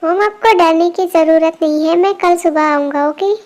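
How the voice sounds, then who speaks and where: A woman voicing a calm, caring young man in an amateur fan dub, with a gentle, reassuring manner. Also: extremely high pitch, moderate pace.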